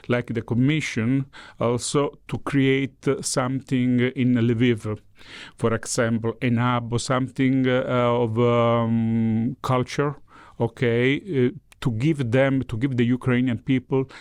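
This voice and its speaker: A representative of a cultural foundation answers interview questions in English, which is not his first language, searching for words and repeating them for emphasis. His medium-pitched voice is a little mellow, recorded in studio quality with no echo.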